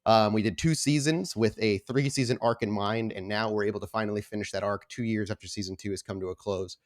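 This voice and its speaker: Quick-paced and fairly low in pitch, a man hosts a tabletop roleplay actual play podcast and tells its story. After some casual announcements, he moves into slow narration setting the scene.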